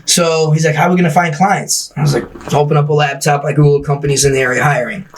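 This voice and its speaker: A man's voice: fairly high pitch, distant mic, a little hiss or hum. A man in his thirties, a podcast guest, telling his story casually and acting out the dialogue. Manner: fast, animated, acts out dialogue, swears casually. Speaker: podcast guest, gym owner.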